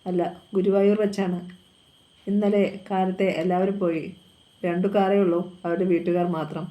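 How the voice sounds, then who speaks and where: A woman reading the lines of a quiet adult man who gives grave news in a low, measured way. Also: flat delivery, lightly acted, rough recording.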